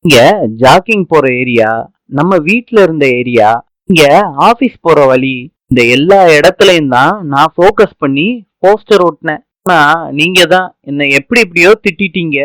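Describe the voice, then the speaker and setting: An eager young woman, earnest and talkative, who explains her work at length, as a man reads her part. The voice is fairly high and dry. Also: lively intonation, moderate pace, a bit bright, dry recording, low-quality recording. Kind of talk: serial recap narration.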